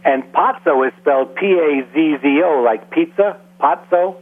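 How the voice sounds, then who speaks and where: Husky man on a phone-like line. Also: fairly high pitch. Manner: measured, explanatory, with frequent fillers. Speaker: guest language expert. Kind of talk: casual radio interview.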